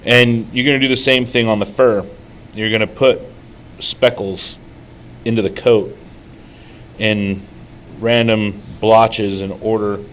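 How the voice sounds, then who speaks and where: A man's voice: fairly low pitch, a bit bright, slight background noise, poor audio. A man co-hosting a casual miniature-painting tutorial, rambling and telling stories with plenty of fillers. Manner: rambling, storytelling, frequent fillers.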